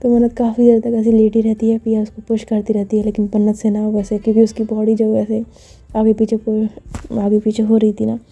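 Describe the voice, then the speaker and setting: A woman tells a love story casually, then reads poems aloud and repeats every verse twice. Her voice is a little high-pitched but very mellow and husky. Soft music plays faintly behind her. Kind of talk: casual spoken storytelling and shayari reading.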